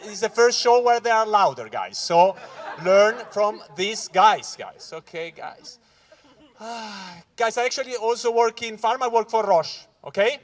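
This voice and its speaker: An English-speaking stand-up comedian from Switzerland's Ticino region plays to a live audience in a corporate event hall. His voice sits high and his pace is unhurried, yet his crowd work is loud and animated, addressed directly to the room, and he repeatedly says "guys."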